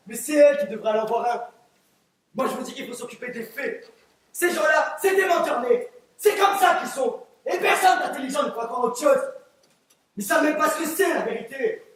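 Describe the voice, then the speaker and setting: A teenage boy in an amateur stage play, acting a crude, hot-headed, bigoted male juror who rants and shouts. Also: very high voice. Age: teens. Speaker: student actor. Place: theatre stage, live performance. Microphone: distant room mic. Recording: echoey theatre from far off.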